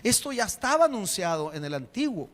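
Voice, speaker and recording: A man, preaching a sermon as a pastor, emphatic, slowing on key phrases and putting rhetorical questions to the congregation. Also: sits high, very animated, fairly bright tone. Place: church hall. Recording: long reverb of a church hall.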